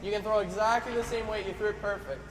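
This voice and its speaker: A young man on the ice in a curling game, making quick, clipped calls to teammates. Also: high-pitched, fairly even intonation, a bit bright. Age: young adult. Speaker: curler on the ice. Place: indoor curling rink. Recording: echoey arena with rink noise.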